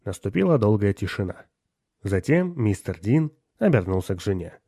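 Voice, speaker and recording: Male audiobook narrator, low voice, steady telling, dry close sound. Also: moderate pace, dry recording.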